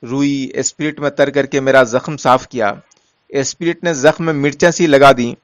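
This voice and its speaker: A man narrating a story in a measured, steady way, softening his voice for quoted lines. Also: mid-range voice, dry recording.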